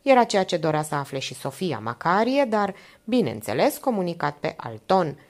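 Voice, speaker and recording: A woman narrating an audiobook with expressive storytelling. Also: fairly low pitch. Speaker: audiobook reader.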